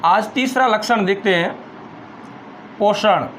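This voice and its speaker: Slow high-voiced man dictating notes. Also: fairly bright tone, slight background noise. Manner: slow, repeats phrases for dictation. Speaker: teacher. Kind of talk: school biology lesson, dictating notes.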